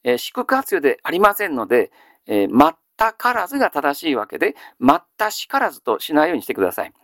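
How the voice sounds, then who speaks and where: A male teacher giving a grammar lesson, asking questions and answering them himself, with frequent drawn-out fillers. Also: fairly high pitch, vocal fry, no echo, clean studio sound. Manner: steady lecturing with many drawn-out fillers; quizzes listeners then answers himself. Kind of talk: classical Chinese grammar lesson.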